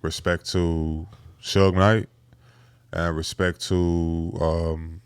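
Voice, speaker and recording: A man co-hosting a podcast, calmly summing up and giving respect before his pick. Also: sits low, very slow, clear, resonant tone, no room sound. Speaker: podcast co-host. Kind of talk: casual debate.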